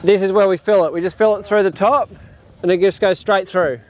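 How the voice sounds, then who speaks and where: In an open paddock, an Australian farm owner in his thirties shows a tour group his equipment, his voice pitched high for a man and moving a little fast with fairly even intonation. He explains with enthusiasm, using fillers and sometimes stumbling and starting over. A camera placed some distance away outdoors picks up the sound.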